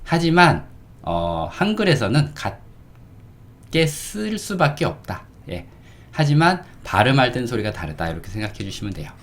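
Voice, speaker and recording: A man teaching a casual spoken lesson as an English teacher, slow and drawn out, often checking in with the listener. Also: mid-range voice, very animated.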